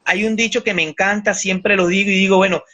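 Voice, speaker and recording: A man speaking as a guest on a motivational show, with a forceful, preaching delivery. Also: high-pitched, steady tone, brisk. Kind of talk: motivational talk.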